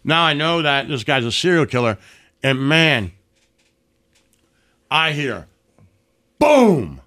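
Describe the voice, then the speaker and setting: Bright-voiced man telling stories profanely. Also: a little high, slow. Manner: profane, animated storytelling with acted quotes. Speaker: podcast guest. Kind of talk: casual storytelling chat.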